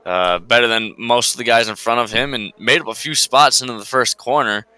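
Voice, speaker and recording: A man's voice: mid-range voice, brisk, bright, forceful tone, clean tone, low-quality recording. A man giving live sim-racing commentary as a motorsport commentator, repeating words for emphasis.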